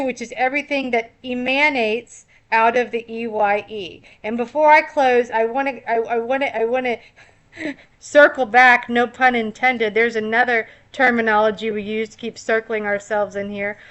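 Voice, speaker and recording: A woman's voice: a little high, a bit bright. A woman giving a rambling spiritual monologue, full of wordplay, repeating and restarting her words. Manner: laughs at own puns. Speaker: esoteric astrology commentator.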